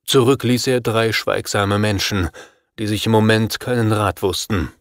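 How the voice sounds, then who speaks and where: A man narrating an audiobook in the first person, steady and measured. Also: lowish voice, dry recording, clean studio sound.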